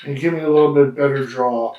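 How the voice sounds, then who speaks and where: A man giving a casual, halting review with many fillers, recorded indoors in a study with a strong room echo. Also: medium pitch, fairly even intonation, highs cut off. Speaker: cigar and drink reviewer. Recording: echoey room, mic at a distance.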